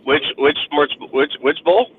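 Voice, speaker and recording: A man's voice: on the high side, unhurried, a loud crowd. A man on a panel, joking in casual sports chat, his voice sounding like it comes over a CB radio. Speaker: podcast panelist. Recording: tinny radio-like line with hiss.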